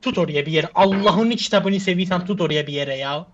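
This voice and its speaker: A man's voice: high-pitched, a little fast. Exasperated man muttering over a game. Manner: exasperated, muttering to himself, swearing and sighing prayers. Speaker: gamer. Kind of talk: frustrated gameplay commentary. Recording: slightly muffled with faint hiss.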